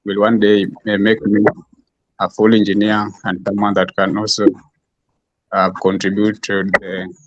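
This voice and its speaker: Hesitant low-voiced man from Kenya. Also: monotone, dry recording, highs cut off. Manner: hesitant, many pauses and fillers. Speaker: class participant. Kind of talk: self-introduction on a video call. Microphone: video call.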